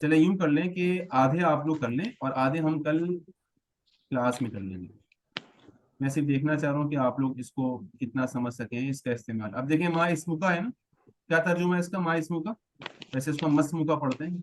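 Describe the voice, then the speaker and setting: A man's voice: fairly high pitch, rough recording. A male teacher giving a patient classroom grammar lesson, stretching out example words and often checking that students follow.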